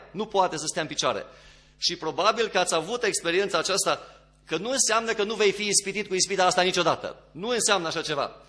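A man delivers a sermon in a bright, fairly high voice. He moves between hushed, lower stretches and rising, emphatic peaks. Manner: swings between quiet low passages and rising emphatic ones. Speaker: preacher.

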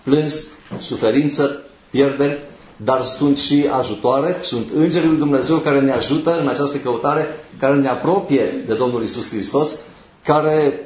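A man preaching a sermon, moving slowly through numbered points with pauses between phrases. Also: medium pitch, reverberant, low-quality recording.

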